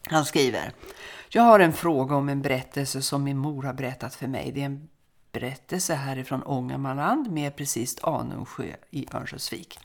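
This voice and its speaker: Creaky-voiced woman reading aloud calmly. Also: rumbling low. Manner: calm, measured storytelling. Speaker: podcast co-host, folklorist. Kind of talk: reading a listener's letter aloud.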